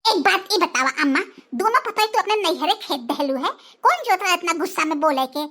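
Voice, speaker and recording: A woman's voice: very high voice, lively intonation, a little fast, heavily acted. A performer voicing a lazy, spoiled grown daughter with an Awadhi accent, whining and bossing her mother around in a cartoon. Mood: whiny, bossy. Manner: whiny, bossy, loud calling out. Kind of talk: cartoon voice acting.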